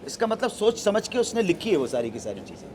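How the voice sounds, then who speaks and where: A middle-aged man at a press event, answering reporters' questions in a deliberate, explanatory way and dropping English terms into his answers. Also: high-pitched, wildly swooping pitch, darkish tone, a little hiss or hum.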